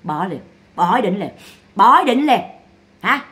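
Bright-voiced woman scolding. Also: mid-range voice, sing-song, unhurried. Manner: scolding, mocking, repetitive. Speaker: online commentator. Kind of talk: casual gossip commentary.

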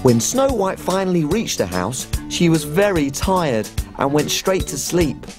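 Tiny giggly cook girl, lively sing-song voice, slow and careful, music behind. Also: low voice. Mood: storytelling. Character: tiny cheerful female cook helper. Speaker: children's TV presenter. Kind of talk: children's TV acting and storytelling.

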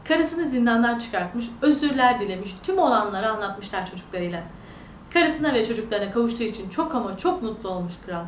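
A woman storyteller narrating a children's fairy tale in an animated, sing-song manner. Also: fairly high pitch, a little hiss or hum. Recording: echoey room, far from mic.

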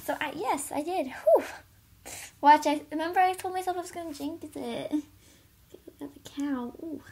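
Sitting in a carpeted room at home, a toy reviewer talks to a camera on the floor during a casual unboxing, giggling and playful in a loose way. Her voice is high, slightly gravelly and fairly bright.

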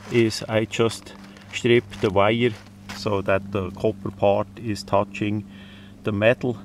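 A man whose first language isn't English presents a video on making a DIY radio antenna, speaking in a lowish voice that is unhurried and halting, often pausing mid-phrase. It's a casual, hands-on demonstration filmed outdoors in windy weather, with faint outdoor noise.

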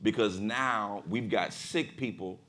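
Speaking slowly in a lowish yet fairly bright voice, a male pastor and podcast host runs a panel discussion on a studio stage. His preacherly delivery to the audience mounts toward emphatic high points.

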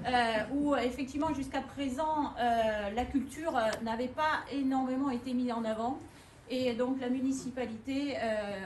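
A woman who is a local elected official gives a halting opening speech at an art exhibition, full of fillers and restarts. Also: on the high side, a little mellow, distant mic, a little hiss or hum. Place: exhibition room in an old town hall. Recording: echoey room, voice from afar, faint ambience.

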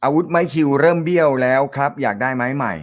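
Loud, joking male live-stream host. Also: fairly high pitch, fast. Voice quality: naturally loud voice. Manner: joking, laughs often, chatty. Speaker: host of a snooker live show. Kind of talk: casual live-stream chat reading viewer comments.

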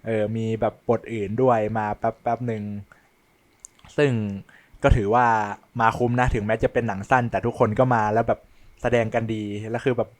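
A man's voice: medium pitch, level tone, moderate pace. A man giving a casual spoken film review, loose and hesitant, with many fillers and restarts.

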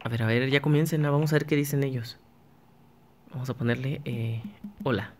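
A man's voice: medium pitch, fairly even intonation, moderate pace, darkish tone. A man giving casual gameplay commentary, chatting to himself and his viewers as he plays, often restarting his sentences. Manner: chatty, talks to himself while playing, frequent restarts. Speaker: gaming YouTuber.

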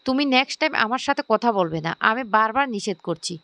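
A woman's voice: fairly high pitch, expressive, fast talker, fairly bright tone, no echo. A woman voicing a stern adult man who scolds and forbids. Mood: angry.

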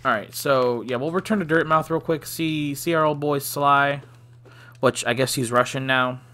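A man's voice: medium pitch, moderate pace, pushed and bright. A man giving casual let's play commentary, joking and self-deprecating, often sighing. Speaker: gaming channel host.

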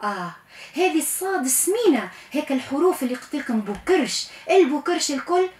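On the radio, a Tunisian-accented woman patiently guides listeners through Quran recitation, stretching each sound slowly as an example. She sits high in pitch with a sing-song lilt, and the recording is reverberant.

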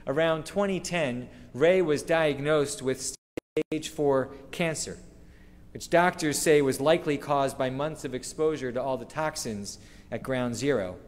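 Earnest rabbi preaching in a reverberant hall. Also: male voice, mid-range voice. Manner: measured, earnest preaching with slow emphatic phrases. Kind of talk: sermon. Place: synagogue sanctuary, standing at a wooden lectern. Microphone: lectern microphone. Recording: long reverb of a large hall.

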